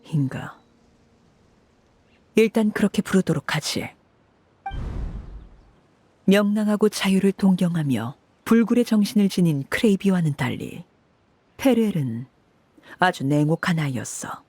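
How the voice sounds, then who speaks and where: Over soft background music, a voice actress delivers scripted game lines as a composed, icy woman commander, one of the harbingers, telling of a grim past. Her fairly low, husky voice is expressive, and she speaks in a somber, detached, measured and authoritative manner.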